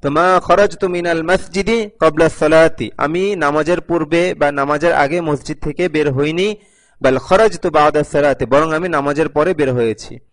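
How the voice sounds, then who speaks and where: A man's voice: a little high, normal speed. A male teacher giving a recorded video lesson, patiently reading sentences aloud and translating each one, often repeating them. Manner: reads each sentence, then translates it line by line; patient, repeats phrases for learners. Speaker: Arabic teacher.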